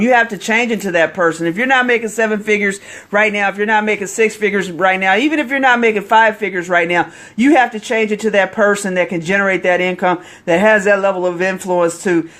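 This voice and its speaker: A man giving a motivational live stream as an online marketing coach, getting excitable and preachy while greeting viewers as they join. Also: high voice, fairly quick, few pauses.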